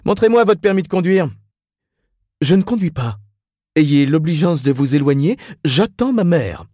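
A man's voice: fairly high pitch, lively intonation, moderate pace, warm tone, no echo, studio quality, pitched above the performer's own voice. A man voicing a haughty, pompous young man who lectures and declaims indignantly.

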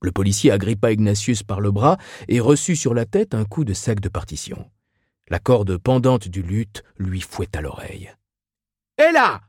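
A man reading a novel aloud as narrator, in a lively, expressive way. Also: on the low side, moderate pace, slightly rough, no room sound, clean studio sound. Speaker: audiobook narrator. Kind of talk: scripted narration.

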